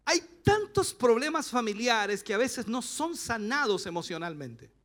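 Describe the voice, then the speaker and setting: Middle-aged chilean guy preaching hard, bright sharp voice, gets loud. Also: extremely high pitch, big pitch swings, a little slow. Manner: passionate preaching, rising to shouts. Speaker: pastor. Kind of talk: sermon.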